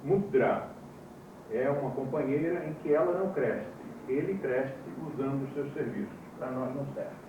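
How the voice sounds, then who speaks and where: A man with a Brazilian Portuguese accent teaching a class, slowly spelling out terms, heard from an old VHS tape recording. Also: mid-range voice, highs cut off. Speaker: yoga teacher. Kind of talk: classroom lecture. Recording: hissy old VHS tape, echoey room, far mic.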